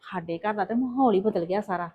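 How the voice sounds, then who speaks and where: A woman playing a housewife in a scripted family drama, chatting in a quick, lively way. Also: medium pitch, husky.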